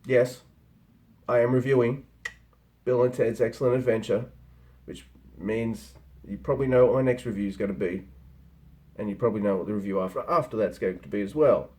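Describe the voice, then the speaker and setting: A man's voice: medium pitch, brisk, dark tone. A man giving a casual spoken film review, rambling and conversational, with frequent restarts.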